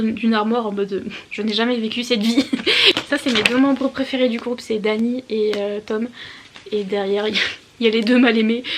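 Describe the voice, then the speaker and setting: A woman's voice: a little high, fairly bright tone, slight background noise. A young woman chatting casually to camera as a YouTuber, giggly and self-mocking as she rambles from one aside to the next. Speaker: YouTuber talking about reading.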